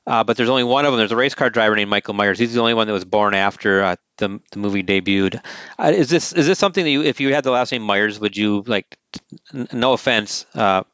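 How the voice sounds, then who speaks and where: A man's voice: on the low side, fast, a bit bright, smooth, dry recording. A man co-hosting a podcast in casual chat, making wry joking asides. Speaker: podcast co-host.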